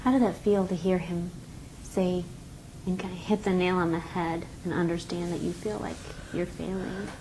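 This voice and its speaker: A woman acts out a calm female couples therapist with a fairly low voice. She probes gently and reflects back hesitantly, in a therapy role play recorded with some faint room noise. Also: moderate pace, lightly acted. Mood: calm, probing.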